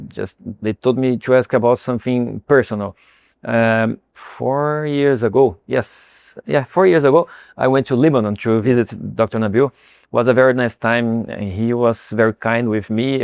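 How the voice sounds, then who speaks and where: A man hosting a podcast interview, asking questions haltingly and correcting himself often. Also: medium pitch, fairly even intonation, gravelly, a little mellow, smooth, no room sound, studio quality. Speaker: podcast host.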